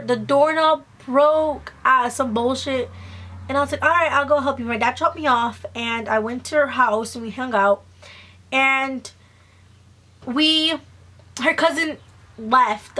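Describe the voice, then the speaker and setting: A young woman with a high voice tells a gossipy storytime to camera. She is chatty and slangy, swears freely, pokes fun at herself and acts out who said what. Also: sharp tone. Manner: acts out quoted dialogue. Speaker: vlogger.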